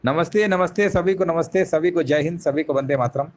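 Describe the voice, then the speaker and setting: A man's voice: on the high side, fairly quick. A man teaching a live online exam-prep class, explaining each answer step by step and often repeating himself with rhetorical questions.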